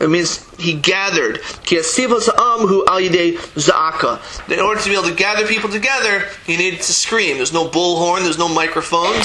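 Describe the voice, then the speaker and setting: A man's voice: high-pitched, bright, forceful tone, slight background noise, low-quality recording. A man teaching a Torah class, reading verses aloud and explaining them with frequent restarts. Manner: halting, restarts, reads Hebrew verses then translates. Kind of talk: verse-by-verse text study lesson.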